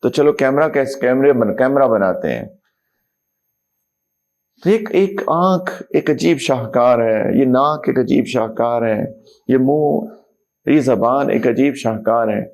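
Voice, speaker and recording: A man's voice: mid-range voice, lively intonation, a little mellow. A middle-aged man, an Islamic scholar, giving a motivational talk to young people, asking rhetorical questions and reciting verses. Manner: rhetorical questions, mixes English words, recites Quranic verses. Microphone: speaker system to a live audience.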